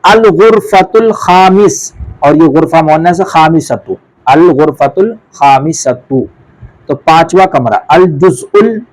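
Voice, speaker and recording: A man's voice: a little high, poor audio. A man teaching an Arabic lesson, reading each phrase aloud and then translating it. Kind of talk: classroom lesson explaining Arabic.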